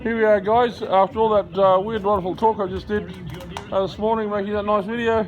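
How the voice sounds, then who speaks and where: Man, fairly high pitch, slightly slurred mumbling, rambling self-deprecating delivery, casual outdoor vlog narration. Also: steady tone, brisk, dull audio. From Australia. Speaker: builder vlogging his house-raising job. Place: outdoor building site, gravel ground.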